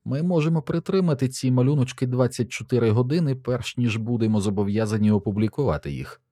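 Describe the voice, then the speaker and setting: A man voicing a sharp, practical woman who handles the press, brisk and dry in manner. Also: medium pitch, lively intonation, no echo, pitched above the performer's own voice, close to an everyday voice.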